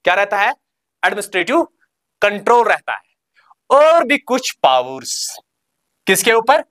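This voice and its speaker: A male coaching teacher gives a recorded lecture in a steady, drilling style, with a voice that sits high. He reads key terms slowly and repeats them, fires short questions at the class and answers them himself, and keeps telling students to remember.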